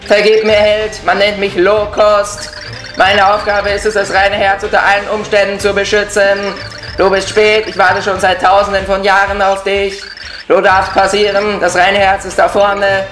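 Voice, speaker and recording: A let's player reading out the lines of a stern security robot that guards a relic, in slow, clipped, machine-like announcements. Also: mid-range voice, completely flat delivery, fairly bright tone, echoey room, soft background music, close to an everyday voice. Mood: formal. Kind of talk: let's play, reading game text aloud.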